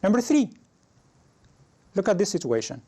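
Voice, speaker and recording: A man teaching an English lesson, explaining situations slowly and raising his pitch when he reads example phrases. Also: sing-song, warm tone, husky.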